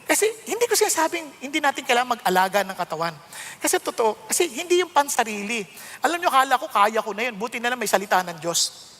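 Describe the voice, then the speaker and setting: A middle-aged Filipino pastor preaching an animated sermon that switches between Tagalog and English. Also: very high voice, fast. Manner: animated, mixing Tagalog and English, self-mocking humor. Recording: long hall reverb.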